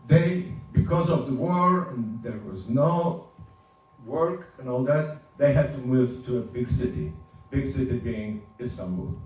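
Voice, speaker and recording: The older man, in his seventies and a native Ladino speaker from Turkey, sounds animated in a mid-range voice as he talks over slides. He halts, begins again and laughs lightly, and the audio is distant and roomy with a faint hum.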